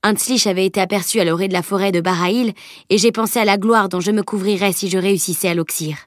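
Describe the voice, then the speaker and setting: A towering, good-natured knight who booms and teases, as a woman reader puts him on. His voice sits at an everyday middle pitch. The audiobook sound is dry and close. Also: fast talker, no echo, natural voice. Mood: earnest telling. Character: huge jovial male knight, gruff and teasing.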